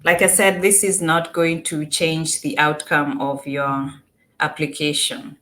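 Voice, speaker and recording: Speaking at a measured pace with flat delivery, this Kenyan-accented woman has a low, fairly bright voice. She's giving a casual screen walkthrough one step at a time, often restating things in new words.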